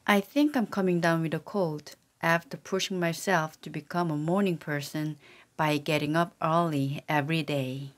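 At a moderate pace, a deep-voiced woman generated by AI text-to-speech reads aloud repeated practice sentences for a language lesson. Her reading stays steady and careful throughout.

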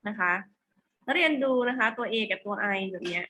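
A woman with a Thai accent teaching an English lesson to primary school children, patiently repeating words slowly for them to say back. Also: a little high, expressive, bright, forceful tone, a little hiss or hum, poor audio. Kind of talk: online classroom lesson.

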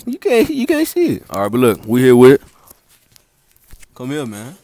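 The teen's male voice is mid-range and mellow, swinging hugely in pitch at a moderate pace, recorded with no echo. He's vlogging on his way to class around school hallways and grounds, joking through interviews with slangy, casual talk and frequent laughter.

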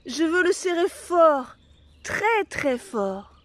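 A woman's voice: very high voice, very animated, slow, no room sound, pitched above the performer's own voice, exaggerated voice. A woman voicing an affectionate aunt who gushes over a baby in a children's storybook reading. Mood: doting. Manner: gushing, emphatic.

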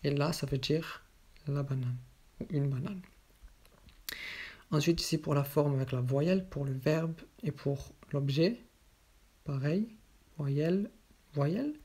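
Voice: mid-range voice, a little mellow, slightly rough. A teacher giving a voice-over grammar lesson, working methodically through each example with a question and its answer. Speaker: French teacher.

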